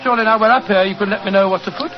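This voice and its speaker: An actor as high-voiced, genial old English Doctor Watson. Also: male voice, very fast, music in the background, natural voice. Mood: curious, eager. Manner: avuncular, old-fashioned, courteous. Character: genial older English doctor, loyal, slightly puzzled sidekick and storyteller. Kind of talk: 1940s radio drama acting, storytelling. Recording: dull, noisy 1940s radio recording.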